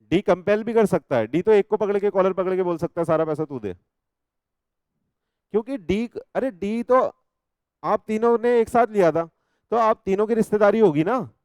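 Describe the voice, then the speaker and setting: A man with an Indian accent teaching a law class, slowly reading legal text aloud and then explaining it in chatty, teasing asides while checking whether students follow. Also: high-pitched, darkish tone, clean tone, no echo.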